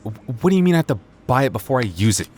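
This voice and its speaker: A man acts out a flustered young vampire working the night shift at a convenience store in an audio roleplay, stammering nervously and awkwardly. His medium-pitched, darkish, natural voice swings widely in pitch and comes out rapid-fire, sounding exasperated and defensive. Faint background noise is present.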